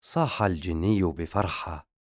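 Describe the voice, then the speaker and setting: A man narrating an audiobook in a steady, measured reading. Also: sits low, no echo, clean studio sound. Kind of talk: scripted narration.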